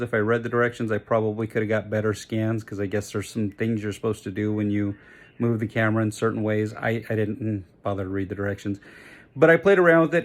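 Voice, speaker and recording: A man giving a casual, plain-spoken camera review, correcting himself as he goes, recorded on a phone's built-in mic. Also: mid-range voice. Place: outdoors at a busy roadside eatery. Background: traffic and chatter.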